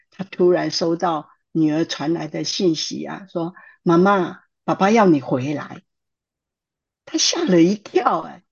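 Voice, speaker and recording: A middle-aged woman, a church counselor telling a testimony in lively sermon-style storytelling, with fillers and acted quotes. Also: on the low side, vocal fry, slightly rough. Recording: dull lo-fi recording.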